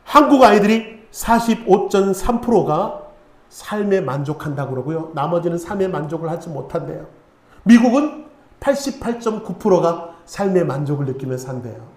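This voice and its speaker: A middle-aged male pastor delivers a sermon, weaving in stories and asking rhetorical questions. His voice sits fairly high. The recording carries the echo of a church sanctuary. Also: expressive, moderate pace, a little mellow. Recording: echoey church hall.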